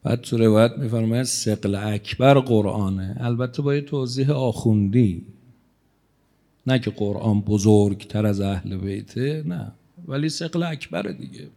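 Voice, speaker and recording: A male cleric preaching to a congregation with a gravelly, dark voice. He talks conversationally, teasing his listeners, and his volume swells and drops as he goes. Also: fairly low pitch. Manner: conversational, teasing the audience, shifting loudness. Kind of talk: religious sermon to a congregation.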